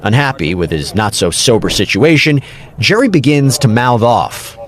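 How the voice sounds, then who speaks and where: A man's voice: mid-range voice, very animated, normal speed, a crowd in the background. An American man reading scripted true-crime narration as a storyteller.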